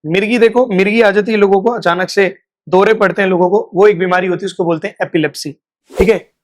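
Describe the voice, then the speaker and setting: A man teaching in Hindi. He explains each point and then repeats the phrases slowly for drilling. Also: high-pitched, steady tone. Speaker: English teacher. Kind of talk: classroom lesson.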